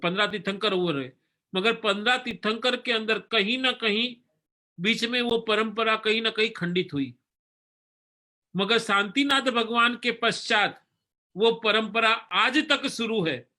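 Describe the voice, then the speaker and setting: A man giving a religious sermon, then slowly reciting a devotional hymn line by line for listeners to repeat. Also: sits high, bright, forceful tone. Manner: earnest, instructive, leads the chant slowly line by line. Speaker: spiritual teacher. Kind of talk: sermon and slow stotra recitation.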